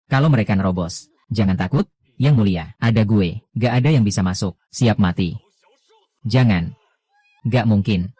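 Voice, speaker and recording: A man narrating an anime recap in casual slang, reading every character's lines in one steady voice. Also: fairly low pitch, moderate pace, pauses often.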